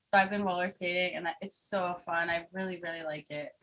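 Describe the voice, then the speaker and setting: A woman's voice: fairly low pitch, steady tone, brisk, fairly bright tone, rough recording. A young woman, chatting casually as an interview guest, laughing often and full of fillers. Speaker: singer and keyboard player, guest.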